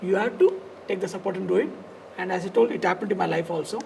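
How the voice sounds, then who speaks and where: A man with a South Indian accent and a gravelly, creaky voice, telling his story conversationally in loose, fragmented, repetitive phrases. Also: sits high, fast talker, a little mellow, slight background noise. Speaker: dance studio founder and teacher, podcast guest.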